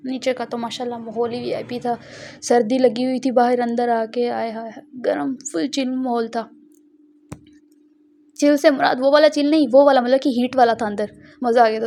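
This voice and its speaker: Gender: female. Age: young adult. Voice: slightly high, soft. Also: slight background noise. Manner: rambling, giggly, storytelling. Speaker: vlogger. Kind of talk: casual chatty vlog narration.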